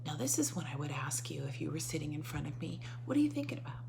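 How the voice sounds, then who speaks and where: A woman teacher's deep, creaky voice has a sing-song quality and moves at a quick pace. She reads a picture book to young children, breaking off to explain and coax responses with questions and repetition. The recording is noisy.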